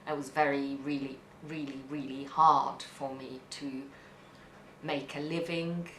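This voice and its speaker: This reflective, candid talk comes from a middle-aged interpreter in a documentary, a non-native English speaker from a non-English-speaking country outside the UK. Her deep, fairly bright voice shows little pitch movement and runs a little slow as she unhurriedly searches for words, repeating some. The room is echoey, with hiss in the background.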